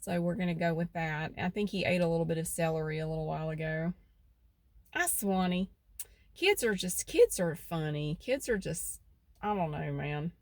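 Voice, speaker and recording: A middle-aged vlogger with a central North Carolina accent rambles chattily in a folksy, casual vlog recorded outdoors by her house. Her lowish, darkish voice is expressive and moves at a normal speed, her nose sounds a bit stuffy, and the recording is dry.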